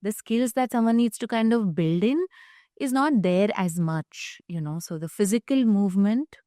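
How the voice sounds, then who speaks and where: A woman's voice: medium pitch, expressive, moderate pace, warm tone, no echo, studio quality. A woman with an Indian accent giving explanatory, conversational interview answers as a psychologist, often tagging phrases with "you know". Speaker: guest psychologist.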